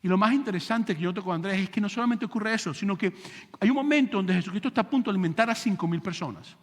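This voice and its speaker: A man preaching a sermon as pastor, animated, asking rhetorical questions and acting out scenes. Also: high-pitched, very fast. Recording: long church hall reverb.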